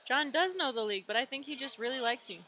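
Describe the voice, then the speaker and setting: A woman's voice: high voice, animated, fast talker, pushed and bright. A young woman co-hosting a live football watch party in a bar, joking and teasing in casual banter. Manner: playful, teasing. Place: in a bar or brewery.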